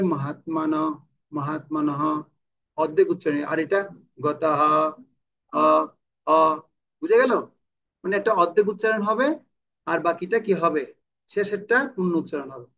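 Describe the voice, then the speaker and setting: Gravelly-voiced man teaching recitation over a dull call. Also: sits high. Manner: patient, repeats words, often checks if students follow. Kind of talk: online class explaining Sanskrit verse pronunciation.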